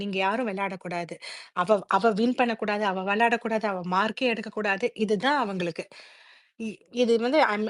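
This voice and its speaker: A woman's voice: a little high, no echo. A woman giving an emphatic, opinionated review of a reality show in a live audio chat, switching languages mid-sentence.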